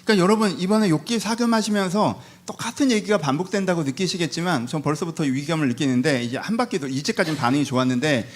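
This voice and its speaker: A man's voice: fairly high pitch, fast talker, few pauses. A male pastor preaching a conversational sermon, acting out Job and his friends and asking the congregation questions. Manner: animated, acts out Job and his friends in voices.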